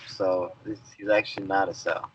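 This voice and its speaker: A man's voice: low voice, little pitch movement, normal speed, muffled recording, slight background noise. A man co-hosting a podcast over a video call, chatting casually and teasing with a laugh. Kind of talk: casual chat.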